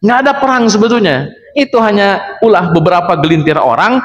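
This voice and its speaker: A male preacher gives a mosque lecture, telling history like a story and acting out the dialogue. His voice sits a bit high, and it rings with the long reverb of a large, echoey hall. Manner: lively storyteller addressing men as "Pak", acting out dialogue.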